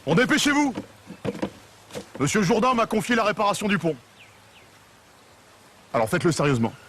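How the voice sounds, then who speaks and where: A man's voice: high-pitched, big pitch swings, normal speed, a bit bright, slight background noise. An actor playing a zealous, servile slave promoted to bossy foreman, speaking officiously in a period comedy film.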